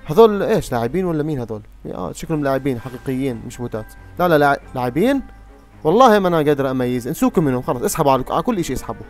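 A young man giving excitable live gameplay commentary, often exclaiming at surprises, with game music behind him. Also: mid-range voice, rapid-fire. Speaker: gaming youtuber.

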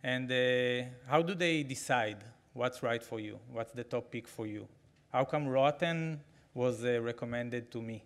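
A man's voice: medium pitch, a little slow. A man in his forties speaking at a podium microphone in a big conference hall. He talks conversationally and with energy, with many fillers and restarts. His voice sits in a middle register. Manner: conversational, animated, frequent fillers, gestures while talking. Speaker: keynote speaker. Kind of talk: conference keynote.

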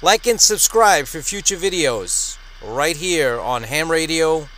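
Radio static and room noise fill this recording of a man at a small indoor desk at home, casually narrating his amateur radio channel and making contacts. His fairly high, fairly bright voice has lively intonation, and he takes his time.

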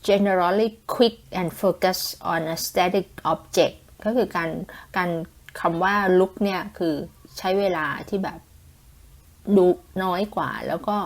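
A woman with a Thai accent, explaining English vocabulary in Thai as a podcast host, in a slow, patient way with frequent polite particles and spelled-out words. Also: fairly low pitch.

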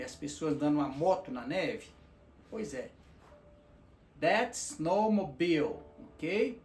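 A man's voice: a little high, a little mellow. A man teaching vocabulary in a bilingual lesson, repeating each word and checking in with "ok?". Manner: repeats words slowly, checks in with "ok?". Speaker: language teacher. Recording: roomy echo, faint guitar music.

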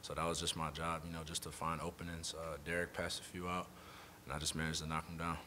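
Very deep, flat-voiced young man. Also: fast, slight background noise. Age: young adult. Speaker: college basketball player. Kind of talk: postgame press conference. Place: press conference room. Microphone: table mic.

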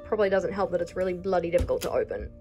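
A young New Zealand vlogger gives a casual, chatty tour of her house, moving from room to room with wry asides while filming on a phone held at arm's length. Her voice is fairly low and warm, animated and racing, with faint music in the background.

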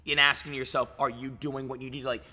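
A man's voice: mid-range voice, little pitch movement, brisk, bright, forceful tone. A man in his thirties, a fitness coach talking in a casual podcast chat, hyped and swearing, saying "dude" and "like" a lot, recorded in a gym lounge. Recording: reverberant gym room.

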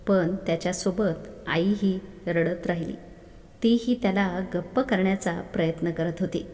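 A woman narrating a devotional story in an expressive reading voice, recorded with a long reverb. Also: fairly low pitch, unhurried.

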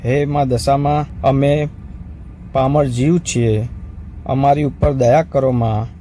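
A man's voice: mid-range voice, fairly even intonation, takes it slowly, dark tone, a little hiss or hum, natural voice. A man reading a devout pleading queen.

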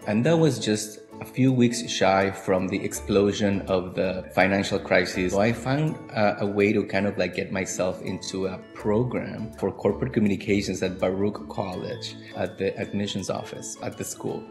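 Low-voiced man with an Ecuadorian Spanish accent. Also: normal speed, hardly any pauses. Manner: relaxed, reflective, frequent restarts. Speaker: marketing director. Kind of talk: interview to camera. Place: home room by a window. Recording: guitar music underneath.

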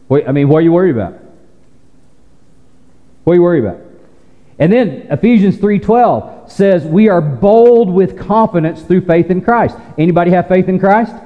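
A man preaching a sermon as pastor, conversational with playful teasing asides and quick restarts. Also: a little high, in a large hall, phone-quality sound. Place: church sanctuary.

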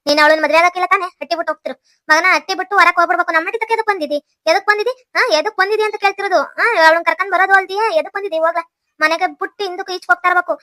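A woman acts out a shrill, rapid-fire village scold from a cartoon, tearing into her family with a North Karnataka Kannada accent. The voice sits very high and races along, bright and sharp, in a close, dry recording. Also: dry recording. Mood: furious. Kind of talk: cartoon voice acting.

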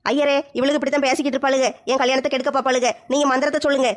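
Brash fast-talking woman doing comic sketch. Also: high voice, level tone. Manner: brash and mocking. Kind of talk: village comedy sketch acting.

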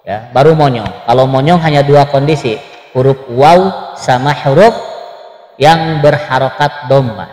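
A man teaching Quran recitation online, gently correcting students and chanting short examples. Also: medium pitch, roomy sound, long reverb tail, poor audio. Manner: chanting examples slowly between plain explanations. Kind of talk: online tajweed lesson.

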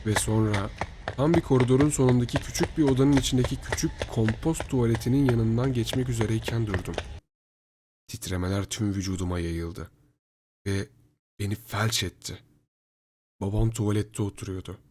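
A man reading a first-person horror story aloud in a hushed, grave manner. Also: lowish voice, moderate pace, a little hiss or hum. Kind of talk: scripted horror narration.

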